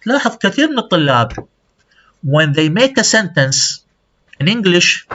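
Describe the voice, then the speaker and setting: Lecturing a college class in a mix of English and Arabic, his native language, this man talks quickly in a sing-song, slightly bright voice that moves a lot in pitch. He defines terms and checks students are following. The audio is muffled and lo-fi.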